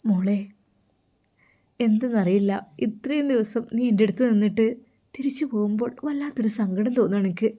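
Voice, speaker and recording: A woman's voice: medium pitch, brisk, mellow, lightly acted. A woman voicing a pious, loving older mother-in-law who speaks tenderly and sorrowfully.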